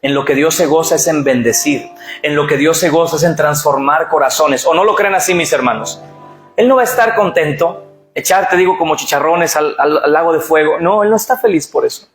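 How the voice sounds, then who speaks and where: Speaking briskly in a fairly high voice, this middle-aged pastor delivers a sermon and pushes the congregation to say phrases back to him. Music plays in the echoey church hall where it was recorded.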